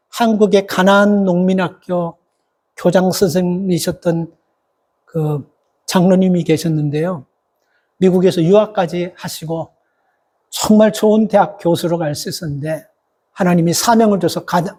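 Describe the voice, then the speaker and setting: A man, a pastor, preaching a Sunday sermon in an emphatic manner, talking straight to the congregation with rhetorical questions. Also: darkish tone. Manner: acts out biblical quotes with rising, heated pitch.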